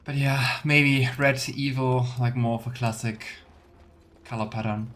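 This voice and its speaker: Steady and measured, his mid-range voice carries a slight brightness as he narrates a let's play in a relaxed, musing way and jokes with viewers. Keyboard clicks and faint noise can be heard.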